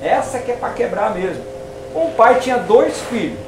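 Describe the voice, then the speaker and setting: A man teaching a hermeneutics class, retelling a parable in an animated way and acting out the characters' lines. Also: high voice, normal speed. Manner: animated storytelling, acts out dialogue with shifting voice. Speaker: Bible teacher. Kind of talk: informal theology class lecture. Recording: echoey room, voice from a distance, faint noise.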